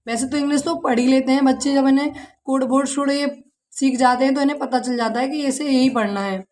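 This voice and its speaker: A woman's voice: high voice, fairly even intonation, a little fast, a little mellow, slight background noise. A woman with an Indian accent teaching an English lesson in Hindi. She spells words out letter by letter, asks her students questions and calls them "beta" like a mother. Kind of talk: classroom-style language lesson.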